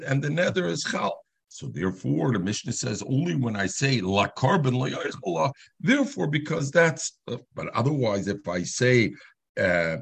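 A man's voice: fairly low pitch, creaky, breathy edge. A man teaching a Talmud lesson in a sing-song learning cadence, weaving Hebrew and Aramaic terms into his English explanation.

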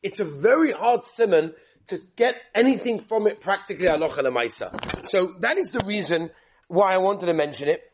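A man with teaching a religious class as a rabbi, telling stories with rhetorical questions and repeated phrases, in a husky voice. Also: high voice, lively intonation, fairly quick. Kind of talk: lively religious lesson with storytelling.

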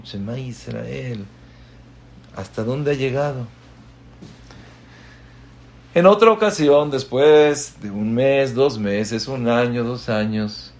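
A man giving a spoken sermon as a rabbi, telling stories with soft asides and emphatic acted-out lines. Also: fairly low pitch.

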